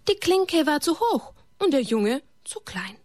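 A woman reading a religious story aloud to children in a gentle way, turning to them with questions and sometimes dropping to a whisper. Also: high voice, very animated, unhurried, no room sound, studio quality.

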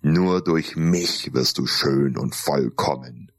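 A man's voice: extremely low pitch, takes it slowly, dry recording, exaggerated voice. A man voicing a scornful, manipulative talking mask in an audiobook, taunting and threatening. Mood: menacing. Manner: taunting, then dark and threatening. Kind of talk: audiobook character voice.

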